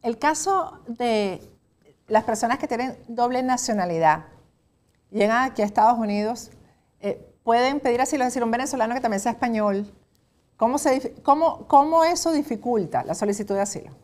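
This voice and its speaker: Woman host asking the lawyer questions, bit higher voice, stops and starts a lot. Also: expressive, a little mellow. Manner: hesitant, halting questions with fillers. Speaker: interviewer, host. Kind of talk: interview questions.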